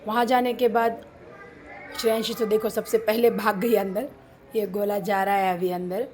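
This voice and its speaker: A woman in her thirties narrating a family outing in a chatty, storytelling vlog style, pausing often with fillers. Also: medium pitch, steady tone, darkish tone, soft background music. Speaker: family vlogger.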